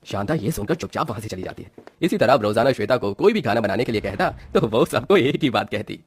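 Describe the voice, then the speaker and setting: A man narrating a cartoon story as a lively storyteller. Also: medium pitch, fast, slightly rough, no echo.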